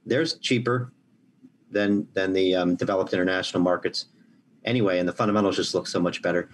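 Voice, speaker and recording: An American man speaking as an analyst in unscripted podcast commentary, with measured, hesitant phrasing. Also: sits low, fairly even intonation, a little hiss or hum.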